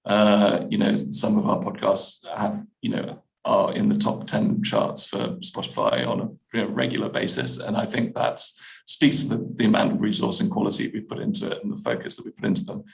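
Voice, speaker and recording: Male editor, low gravelly tone, hesitant Q&A answers. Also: flat delivery, normal speed, low-quality recording. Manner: hesitant, many restarts and fillers. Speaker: app editor answering questions. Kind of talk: webinar Q&A.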